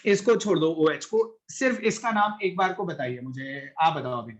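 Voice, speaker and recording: A man's voice: on the high side, moderate pace. A man teaching a chemistry class online, patiently explaining and calling on students by name, mixing Hindi with English.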